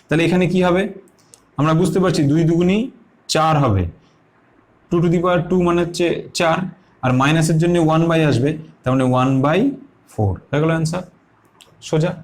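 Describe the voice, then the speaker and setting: A man with a Bengali accent teaching maths, patiently explaining each step slowly and repeating himself, asking questions and then answering them. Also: on the high side, fairly even intonation. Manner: asks and answers his own questions.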